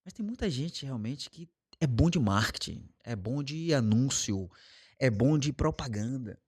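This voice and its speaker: A man's voice: medium pitch, lively intonation, unhurried, a little mellow, slightly rough. A Brazilian man who teaches English, talking casually and explaining his method with everyday examples. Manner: explains with everyday examples and acted quotes, varying pace. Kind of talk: casual monologue to camera.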